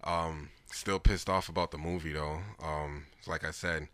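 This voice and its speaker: A man's voice: very deep voice, fairly even intonation, a little slow, a bit bright, no room sound. A man hosting a podcast in casual banter, with an urban Toronto slang accent and a joking, boastful, repetitive way of talking. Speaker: podcast host.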